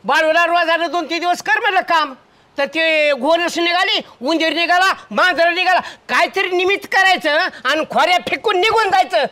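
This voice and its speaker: A man's voice: very high voice, moderate pace, bright, forceful tone. An actor playing a grumbling, hungry old village farmer who scolds his wife. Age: older. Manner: scolding, complaining. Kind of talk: village comedy acting.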